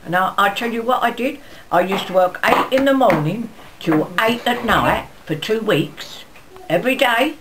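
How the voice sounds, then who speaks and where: In a casual interview about her wartime past, a woman of ninety-eight tells rambling, chatty stories and performs snippets of dialogue. She speaks animatedly at a moderate pace in a mid-range voice, over noisy background chatter.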